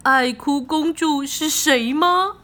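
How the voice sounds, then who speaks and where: A woman reads a picture book to a small child. Her voice is high and bright, and she reads in a playful, lively way. She often stops to quiz the child. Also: slow pace. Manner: animated, playful, asks the child questions. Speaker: parent reading to a child. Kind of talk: picture book reading aloud.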